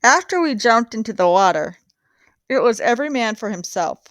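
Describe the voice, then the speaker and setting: A woman's voice: on the high side, animated, moderate pace, fairly bright tone, no echo, clean studio sound. A woman reading the words of a male soldier plainly recounting a beach landing under fire. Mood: grim.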